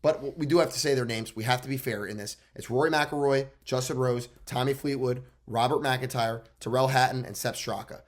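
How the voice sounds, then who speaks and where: A young man co-hosting a casual sports podcast, talking in a blunt, excitable way and swearing freely. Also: medium pitch, brisk, few pauses. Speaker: podcast co-host.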